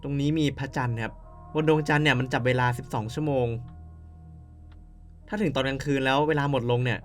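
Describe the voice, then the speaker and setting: A man playing a story game, reading its text aloud and dropping in quick puzzled asides to viewers. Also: mid-range voice, faint music behind. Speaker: game streamer.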